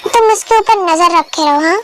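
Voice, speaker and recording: A woman's voice: extremely high pitch, normal speed, a bit bright. A woman voicing a stern, controlling middle-aged father and boss who speaks in a curt, commanding way.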